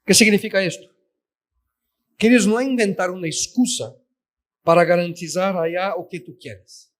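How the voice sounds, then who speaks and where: Male preacher, high voice, emphatic sermon delivery. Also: moderate pace. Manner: emphatic, addresses listeners as "queridos". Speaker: pastor.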